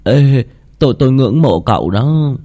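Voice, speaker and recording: A man's voice: medium pitch, animated, normal speed, dark tone, voice pushed up. A man voicing a panicky young male student who stammers and trips over his words in an audio story. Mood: nervous. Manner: stammering, flustered.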